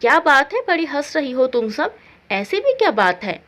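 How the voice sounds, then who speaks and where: A woman's voice: sits high, big pitch swings, normal speed, fairly bright tone. Gaura, a woman doing a scheming neighbour aunt. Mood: nosy. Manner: nosy, stirring trouble with feigned concern.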